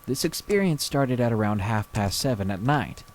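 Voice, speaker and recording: A man's voice: medium pitch, animated, slight background noise. Man reading a scary story dramatically. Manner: slow, dramatic storytelling delivery. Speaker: story reader.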